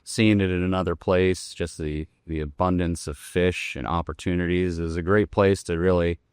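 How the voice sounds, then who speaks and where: A man's voice: low-pitched, steady tone, moderate pace, clear, resonant tone, no echo, clean studio sound. A man guest on a fishing podcast, telling his experiences in an enthusiastic, storytelling way. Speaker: guest angler. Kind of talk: casual storytelling.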